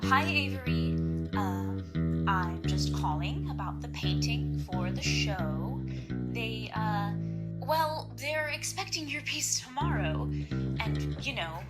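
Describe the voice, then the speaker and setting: A woman's voice: medium pitch, wildly swooping pitch, slow. A woman playing an art show organizer, leaving a voicemail with a pushy, insistent reminder. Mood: pressing. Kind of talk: student film acting. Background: guitar music.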